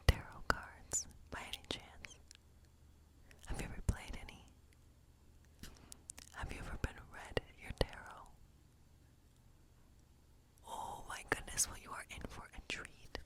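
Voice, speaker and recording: An ASMR creator whispers a fantasy role play in which she plays a friendly, playful, lonely witch living in a woodland cottage. Her breathy delivery is gentle, coaxing, slow and soothing.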